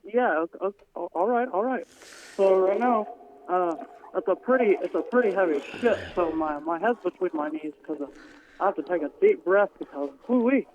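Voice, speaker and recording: A man calling in to a live show over a muffled, hollow-sounding phone line. He stammers and hesitates, with a deadpan delivery. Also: sits high, moderate pace. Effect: muffled hollow phone line, like a headset. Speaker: prank caller. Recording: noisy phone call.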